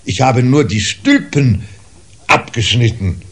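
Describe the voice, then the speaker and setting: A man reading aloud, voicing a deferential old soldier-servant who speaks hesitantly and apologetically, with a husky voice. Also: mid-range voice, lively intonation, slow pace, pitched above the performer's own voice. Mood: defensive.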